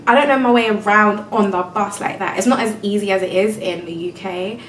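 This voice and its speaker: A woman's voice: medium pitch, brisk, reverberant, recorded from a distance, a little hiss or hum, rough recording. A young woman venting in a casual storytime vlog, exasperated and close to tears, full of "like" and "do you know what I mean". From England. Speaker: vlogger.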